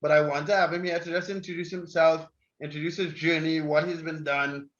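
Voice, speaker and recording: A man's voice: fairly high pitch, level tone, brisk, fairly bright tone, highs cut off. A man hosting a casual online interview, talking in a chatty, rambling way. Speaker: interview host.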